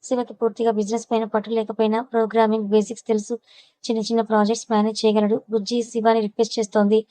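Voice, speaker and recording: A woman's voice: a little high, level tone, racing, mellow, no room sound, poor audio. A woman narrating a serialized audiobook story with a Telugu accent, reading every character's lines with little change of voice.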